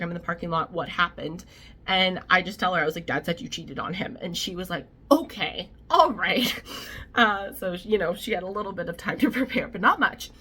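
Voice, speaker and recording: A woman's voice: on the low side, pushed and bright. A young woman vlogger telling a family story in a chatty, casual way, with many fillers and restarts.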